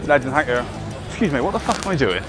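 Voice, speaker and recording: A man's voice: medium pitch, sing-song, fast talker, low-quality recording. A British man hosting a vlog with casual, slangy banter, swearing freely. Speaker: vlog host and race runner. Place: outdoors in a street before a race. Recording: outdoor city noise, music behind.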